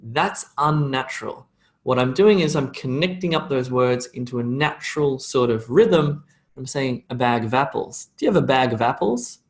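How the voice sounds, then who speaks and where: Running a live online pronunciation lesson, this Australian-accented man drills English phrases and slows them down for his learner to repeat. He speaks at a medium pitch, animated.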